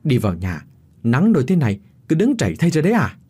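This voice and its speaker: A man voicing a sharp-tongued, loving old mother who scolds her family. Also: lowish voice, lively intonation, a little fast, husky. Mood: scolding.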